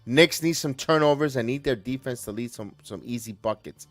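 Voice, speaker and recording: A man hosting a live watch-along, calling play-by-play in quick bursts that rise on big plays and talking to chat viewers by name. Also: mid-range voice, dry recording, faint music behind. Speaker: host and play-by-play caller.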